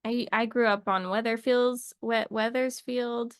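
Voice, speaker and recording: A woman's voice: on the high side, steady tone, a little slow, clean tone, dry recording, studio quality. A young woman teaching a casual English lesson to camera, chatty and playful, wandering off into little asides.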